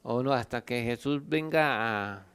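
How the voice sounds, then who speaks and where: Smooth-voiced pastor teaching the Bible. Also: male voice, mid-range voice, a bit bright. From Colombia. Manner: explains at length, reads scripture aloud, pauses to look up verses.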